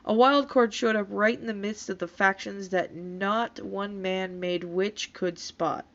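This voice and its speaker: A woman's voice: mid-range voice, fairly even intonation, unhurried. A woman reading comments aloud in disbelief and adding casual, sarcastic, scoffing commentary with plenty of swearing. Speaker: YouTube commentator reacting to comments. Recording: dull, lo-fi sound.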